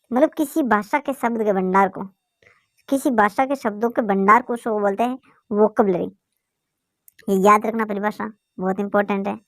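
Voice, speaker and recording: A woman's voice: on the high side, no room sound, clean studio sound. A woman teaching a basic English lesson, asking questions and answering them herself. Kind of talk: classroom lesson explanation.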